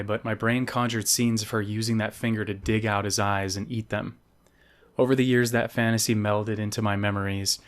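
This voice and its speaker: A man with a fairly low voice reads his own novel aloud in a measured, storytelling manner. His narration is steady and scripted, carrying a dark coming-of-age tale. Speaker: novelist reading his book.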